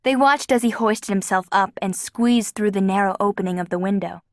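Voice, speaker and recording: Woman, audiobook narrator, lively, scripted narration, close mic, dry sound. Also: mid-range voice, a little fast, no room sound. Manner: lively, voices each character.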